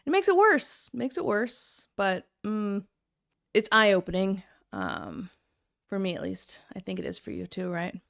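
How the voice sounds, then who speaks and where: A woman's voice: medium pitch, big pitch swings, a little slow, gravelly. A woman hosting a reaction video, commenting critically and sarcastically on a livestream clip.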